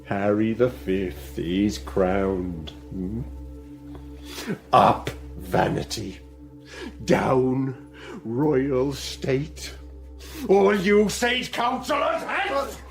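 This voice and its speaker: Old dying king, bitter and grieving, very slow dramatic speech, music behind. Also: mid-range voice, lively intonation, gravelly, heavily acted. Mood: raging, sarcastic. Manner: declamatory, theatrical, drawn-out, swelling from murmurs to shouts. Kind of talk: classical Shakespearean radio drama acting.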